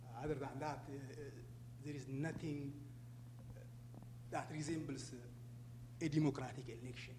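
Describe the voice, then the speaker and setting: A middle-aged or older man with an Ethiopian accent gives a halting public talk, often putting questions to his audience. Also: medium pitch, steady tone. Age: middle-aged or older, over 44. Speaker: guest speaker, refugee advocate. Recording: echoey hall, clear background noise and hum.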